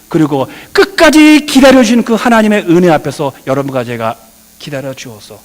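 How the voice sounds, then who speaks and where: A middle-aged male pastor preaching a sermon, swinging between loud emphatic peaks and quiet asides, addressing the congregation directly. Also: a little high. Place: church sanctuary. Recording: long reverb of a church hall.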